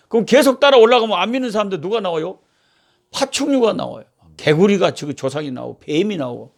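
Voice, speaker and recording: Animated middle-aged man preaching. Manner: animated, rising for scripture quotes and dropping to a low aside. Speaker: missionary preacher. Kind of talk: Bible devotional teaching. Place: a church member's home.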